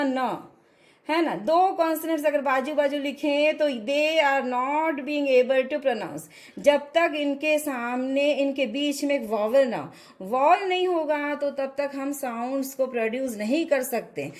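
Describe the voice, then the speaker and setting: A woman teaching English pronunciation in a classroom lesson, explaining patiently in Hindi mixed with Indian-accented English and checking in with listeners. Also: high-pitched. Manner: explains slowly, mixing Hindi with English phrases, frequent "है ना" checks.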